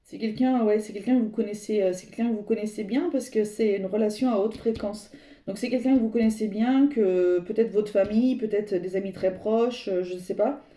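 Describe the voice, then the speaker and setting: A woman with a medium-pitched, warm voice talks a little fast as she reads tarot cards for her viewers. She addresses them directly, meandering and hunting for words. The recording has a roomy echo.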